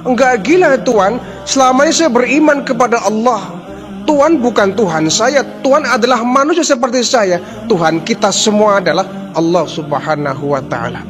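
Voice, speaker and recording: A man voicing a devout, fearless woman servant in a preached story, making calm, firm declarations. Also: very high-pitched, normal speed, over music, voice pushed up. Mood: steadfast.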